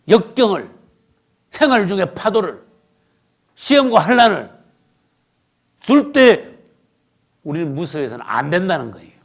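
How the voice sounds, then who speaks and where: A man pastor preaching a sermon, emphatic, asking the congregation rhetorical questions and swinging from loud bursts to low murmurs.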